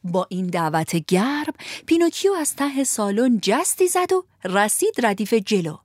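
A woman narrating a children's storybook in an expressive voice, at times soft and half-whispered. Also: mid-range voice, no echo, studio quality.

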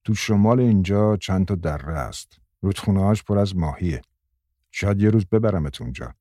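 A blunt, gruff older man, voiced by a male reader in a story narration. The voice sits very low and husky, and every line comes out plain and matter-of-fact. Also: lively intonation, dark tone, no echo, clean studio sound.

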